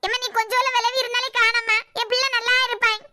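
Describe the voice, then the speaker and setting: A woman's voice: very high-pitched, flat delivery, fast talker, pushed and bright, exaggerated voice. A woman with a Kanyakumari Tamil accent voicing a harsh, scheming mother in a cartoon, lecturing coldly.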